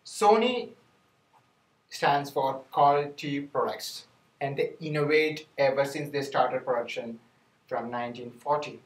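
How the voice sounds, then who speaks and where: A man's voice: medium pitch, unhurried. A man from India, giving a team business presentation with many fillers and restarts. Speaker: student presenter. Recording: roomy, distant mic.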